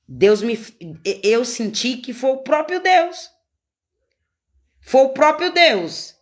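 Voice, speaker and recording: Lady preaching, fervent, repeats herself, pitch jumps all over. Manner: fervent, repeats phrases for emphasis. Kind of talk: informal sermon.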